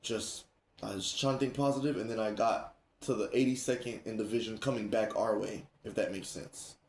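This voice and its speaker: A man hosting a casual chat, telling stories in an animated way, laughing and acting out what others said. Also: lowish voice, fairly quick. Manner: animated, laughing, acts out quoted speech. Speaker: streamer and host. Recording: roomy echo.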